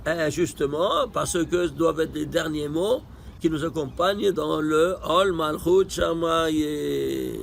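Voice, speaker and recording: In a notably high, creaky voice, a man leads a Torah lesson, asking rhetorical questions and answering them himself. He alternates emphatic outbursts with quiet asides over faint vehicle noise.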